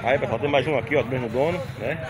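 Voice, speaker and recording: A fast-talking man with a Northeastern Brazilian accent and a medium-pitched voice tours a livestock fair outdoors, vlogging casually and sprinkling in tag questions. The handheld phone he holds behind the camera picks up a busy outdoor crowd behind him.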